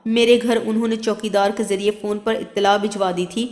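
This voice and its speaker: A woman reading a long moral story as narrator, in a steady, measured way. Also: mid-range voice. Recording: long reverb.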